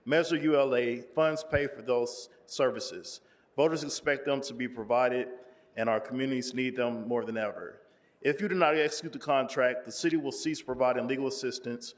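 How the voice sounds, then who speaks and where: A man reading a prepared public comment at a city council meeting in a measured way. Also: mid-range voice, steady tone. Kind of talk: read prepared statement. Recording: long reverb of a council chamber.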